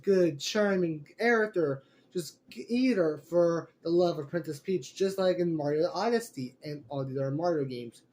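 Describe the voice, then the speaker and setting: A young man with a noticeably high-pitched voice talks through an off-the-cuff review. He rambles and circles back, filling gaps with fillers and restarting his sentences. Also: darkish tone. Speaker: movie reviewer. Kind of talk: casual spoken review.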